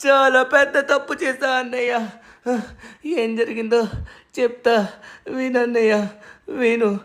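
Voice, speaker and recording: A man's voice: very high voice, little pitch movement, a little slow, fairly bright tone, voice pushed up. A man voicing a heartbroken young man in a game story, pleading and weeping over a lost love. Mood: sobbing. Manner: sobbing, pleading.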